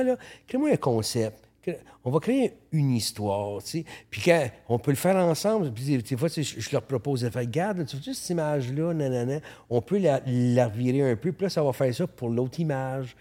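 Animated Quebecois man telling stories. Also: medium pitch. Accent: Quebec French. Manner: animated storyteller, frequent swearing and stammered restarts. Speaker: photographer guest. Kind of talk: casual interview chat.

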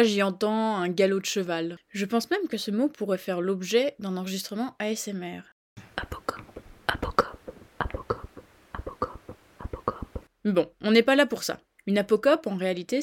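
A woman's voice: mid-range voice, normal speed. A woman hosting a scripted podcast, explaining a phrase in a playful, chatty way and talking straight to the listeners. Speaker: podcast host.

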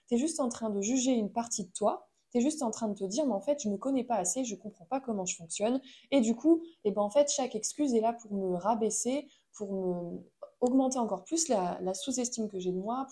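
A woman's voice: on the high side, dark tone. A woman giving a casual motivational talk in French, chatty and addressing the listener directly, with frequent fillers.

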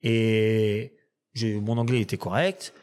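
A French man telling rambling, animated stories in casual conversation, with many restarts. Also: lowish voice, slow. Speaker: restaurant owner and guest. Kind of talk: casual storytelling chat.

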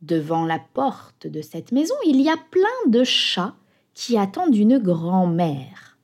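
A woman narrating a simple children's story in a clear, deliberate way, adding playful sound effects. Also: mid-range voice, sing-song, darkish tone.

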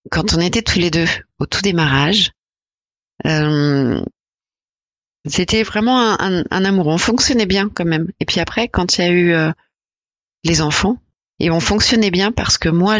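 A woman in her forties from France, a podcast guest talking reflectively and hesitantly about her life, with many pauses and fillers. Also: lowish voice, big pitch swings, dry recording, lo-fi sound. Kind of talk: personal interview conversation.

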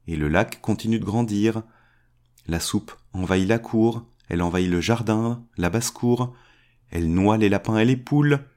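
A man reading a fairy tale aloud as a storyteller, changing his pitch to give each character a voice. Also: darkish tone.

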